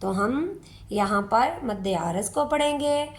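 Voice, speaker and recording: Woman, recitation lesson, slow careful explaining, a bit high-pitched. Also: expressive. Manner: slow, patient explaining with drawn-out demonstrations. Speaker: Quran tajweed teacher.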